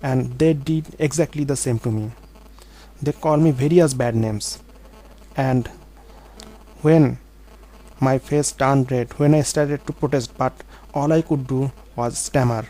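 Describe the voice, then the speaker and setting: A man telling his own life story as a vlog monologue, in an earnest, halting way with small grammar slips. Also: mid-range voice, mellow, poor audio.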